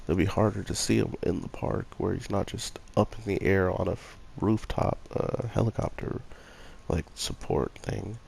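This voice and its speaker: A man's voice: low-pitched, fairly even intonation, moderate pace, vocal fry, darkish tone, slight background noise. A young man with a stuffy cold, sniffling as he reviews an anime episode in a rambling casual chat full of fillers. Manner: rambling, many fillers like "like" and "you know".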